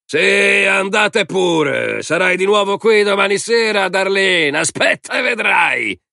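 A man voicing a drunk, crude man who taunts with drawn-out, sneering words. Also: high-pitched, lively intonation, creaky, bright, forceful tone, dry recording, clean studio sound, voice pushed up, exaggerated voice. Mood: mocking. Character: drunk, crude, mocking man, hostile stepfather type.

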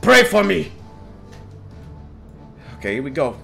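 A man streaming a game, excitable and trash-talking, swearing freely. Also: on the high side, slow, gravelly, faint music behind. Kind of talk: casual gaming stream banter.

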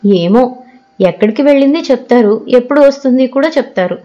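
A woman voicing a calm, kind teenage girl student who speaks gently and reassuringly. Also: sits high, a little fast, muffled recording.

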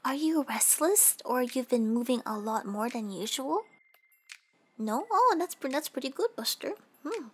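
A woman's voice: high-pitched, lively intonation, unhurried, slightly rough, soft background music, full character voice. A woman playing a teasing young nurse in a casual, joking, rambling comedic role-play. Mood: flippant, chatty. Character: teasing, flippant young female nurse questioning a patient.

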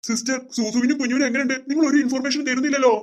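Fretful young father, rushed delivery; woman voicing. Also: high voice, fairly even intonation, natural voice. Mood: anxious. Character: anxious young father, man.

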